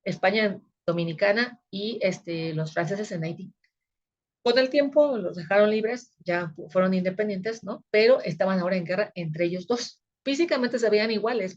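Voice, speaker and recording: A woman's voice: mid-range voice, a little mellow, dull audio. A woman, teaching a recorded video lecture in a conversational way that often checks her listeners are following. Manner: conversational, frequent checking tags.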